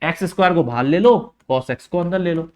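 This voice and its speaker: A man's voice: on the high side, a little fast. A male teacher working through a maths lesson step by step, coaxing and repeating the key points straight to his students.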